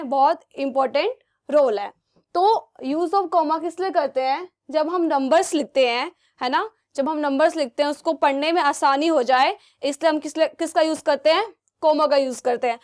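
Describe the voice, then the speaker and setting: A young woman teaching a math lesson to children, coaxing the class with constant check questions. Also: high voice. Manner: asks many check questions, coaxing and repetitive.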